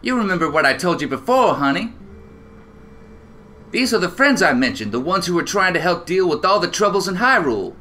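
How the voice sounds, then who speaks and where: A man putting on a sassy, motherly barkeep woman with a raised, lively voice. She drawls and calls everyone honey. Her voice swings up and down as she talks. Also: high voice, fairly quick, heavily acted. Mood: warm teasing.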